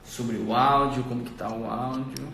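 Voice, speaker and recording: A man's voice: medium pitch, steady tone, moderate pace, bright, forceful tone, slight background noise. A man hosting a live stream, chatting casually and greeting viewers by name in an upbeat way. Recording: echoey room, far from the mic.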